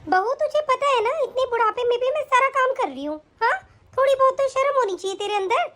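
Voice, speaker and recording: Brief: a woman doing an old cartoon mother-in-law, reproachful and scolding, very high voice. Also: expressive, brisk, a bit bright.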